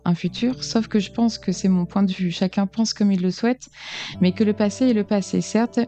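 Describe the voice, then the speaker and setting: A woman with a dark, mellow voice gives an earnest, halting personal account as an interview guest. Her delivery is reflective, and the sound is slightly dull and lo-fi, with music behind her. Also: medium pitch. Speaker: interview guest, decorative painter.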